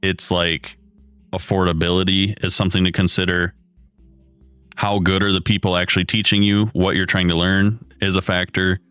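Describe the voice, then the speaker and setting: Male streamer, thirties, deep and low, relaxed rambling chat, dry close mic. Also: moderate pace, clean tone, no echo. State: has the hiccups. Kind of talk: casual live-stream chat while building. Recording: dry close mic, faint music behind.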